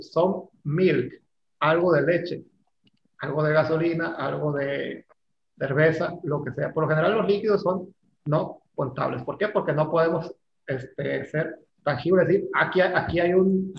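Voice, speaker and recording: Male teacher, fairly high gravelly voice, casual and teasing, echoey lo-fi room recording. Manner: casual, teasing, explains step by step. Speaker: English teacher. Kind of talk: online class lecture. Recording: echoey room, dull lo-fi sound, faint noise.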